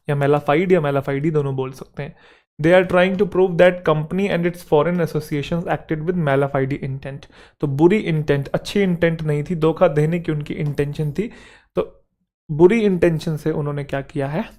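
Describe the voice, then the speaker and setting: Young male tutor, slightly high voice, chatty and informal, checks in with students often. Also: a little mellow. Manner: conversational, often adds "theek hai bhai". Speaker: teacher. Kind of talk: vocabulary lesson.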